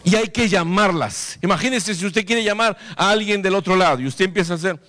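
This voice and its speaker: A male preacher with a somewhat high voice delivers a sermon in a dramatic storytelling manner, acting out scenes with vivid sound effects. He speaks straight to his listeners and urges them to act. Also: a little fast, fairly bright tone. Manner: addresses listeners directly, exhorting. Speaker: pastor.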